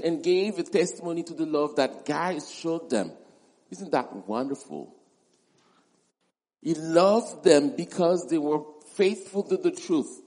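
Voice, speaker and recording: A male pastor preaching a verse-by-verse sermon, speaking deliberately and repeating key words for emphasis. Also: fairly high pitch, a little mellow. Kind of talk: expository sermon. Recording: long reverb in a large hall.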